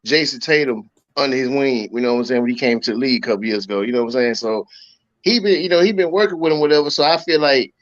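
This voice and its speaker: Man on a glitchy, breaking-up phone line. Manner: halting, repeats words. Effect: glitchy breaking-up connection with jumping pitch and stuttering speed. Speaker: call-in guest. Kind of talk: casual sports chat. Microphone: phone call. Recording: dull, dry lo-fi phone line.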